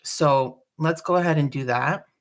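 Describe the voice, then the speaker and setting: A woman hosting a live dot painting tutorial, chatty and relaxed, joking about her own nerves. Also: low voice, unhurried. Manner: chatty, relaxed, self-deprecating. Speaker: craft tutorial host.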